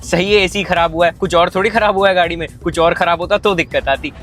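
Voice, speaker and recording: A woman's voice: lowish voice, fast, a bit bright, faint music behind, natural voice. A woman playing a cheeky, talkative schoolboy son in a family comedy sketch. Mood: chatty. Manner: whiny, cheeky. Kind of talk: comic family sketch acting.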